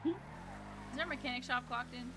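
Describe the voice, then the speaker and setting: A woman's voice: high-pitched, normal speed, noisy background, lightly acted. A woman streamer playing a blunt, teasing mother who laughs often in a casual role-play chat. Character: teasing, swearing mother of a grown daughter.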